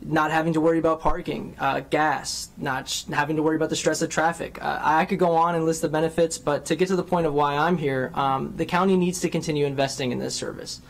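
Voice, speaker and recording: A young man with a slightly high voice reads public testimony into a desk microphone in a big council chamber. He is earnest and sincere, and he fills pauses with frequent ums and uhs. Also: steady tone, creaky. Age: young adult. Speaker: public hearing speaker, bus rider. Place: large county council chamber, seated at a desk. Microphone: desk microphone on a stand.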